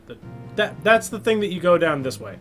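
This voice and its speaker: High bright voiced dude playing a retro game, swears at it, lots of laughing, faint music behind. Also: male voice, very animated, fairly quick. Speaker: player of a video game. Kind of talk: casual gaming chat.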